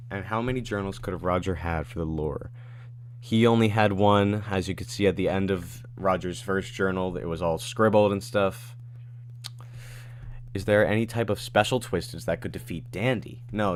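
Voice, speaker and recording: Casual streamer, male, slightly low voice; reads viewer questions aloud and answers off the cuff with asides. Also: slight background noise. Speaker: livestreamer answering chat questions. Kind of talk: casual livestream Q&A. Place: at home in his room.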